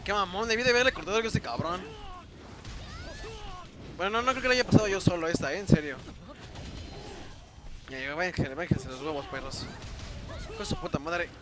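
A man with a Mexican Spanish accent commentating his own gameplay. He talks in a high, lively voice that jumps all over. He swears and yells at the enemies on screen. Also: a little fast, pauses often, a crowd in the background. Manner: excitable, swearing, shouting at enemies. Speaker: gameplay video host.

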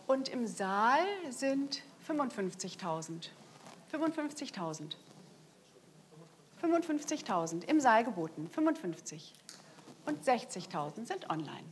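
A woman's voice: fairly high pitch, very animated, measured pace, slight background noise. A middle-aged woman working as an auctioneer, calling out bids live and repeating the figures with emphatic stresses. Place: indoor saleroom at a lectern. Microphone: lapel microphone.

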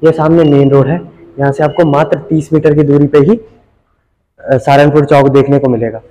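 A young male host walks viewers through a property in an upbeat sales-pitch tone. His voice sits a little high for a man and sounds close and dry, with almost no room sound. He pauses briefly between phrases as he points things out. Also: fairly even intonation, mellow, dry recording, poor audio. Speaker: real estate channel host. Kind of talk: property walkthrough narration. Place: street and empty shop, out and indoors.

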